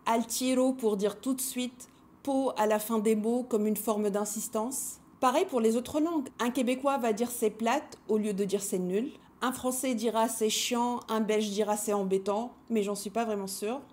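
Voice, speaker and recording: Thoughtful woman with a higher voice. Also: fairly even intonation, a little mellow. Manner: poses rhetorical questions, measured and thoughtful. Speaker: language-learning video host. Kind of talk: reflective scripted talk to camera.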